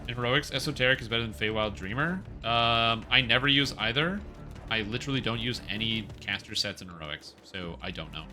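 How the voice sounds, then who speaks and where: A man talks into a headset mic on a live stream, his voice very bright and sharp-edged. He chats loosely with his viewers while he plays, and game music sits faintly underneath. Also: fairly low pitch, a little fast. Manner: chatty, thanking viewers by name of the stream. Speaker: livestreamer. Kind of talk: casual gameplay commentary.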